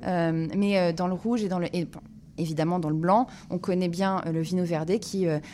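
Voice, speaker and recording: A woman's voice: on the low side, steady tone, a little fast, mellow, slight background noise. Hesitant woman wine columnist on radio. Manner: hesitant, many fillers, self-deprecating. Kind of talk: radio chronicle chat.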